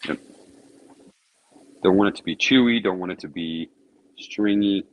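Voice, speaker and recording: A man's voice: low-pitched, a little slow. A man hosting his own cooking vlog, chatting casually and thinking aloud as he grills. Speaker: cooking show host.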